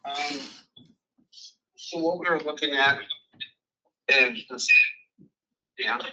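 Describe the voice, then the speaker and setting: A man serving as fire chief comes through a speakerphone into a meeting room, his voice piercingly bright and distant from the microphone. He reports to the committee in a halting way, full of ums and false starts. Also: on the high side, dull audio, a little hiss or hum. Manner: halting, with frequent ums and restarts. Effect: heard over a phone on speakerphone.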